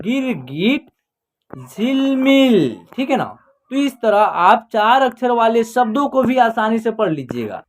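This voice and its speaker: A teacher giving an online Hindi reading lesson for beginners, spelling words out letter by letter and then saying each whole word slowly and drawn out. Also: mid-range voice. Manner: patient, repeats each sentence in pieces.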